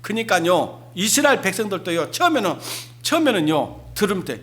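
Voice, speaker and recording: Pastor, male; very high, animated delivery, emphatic, keeps asking the congregation questions. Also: brisk. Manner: emphatic, peppers talk with rhetorical questions to the congregation. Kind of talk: Sunday sermon.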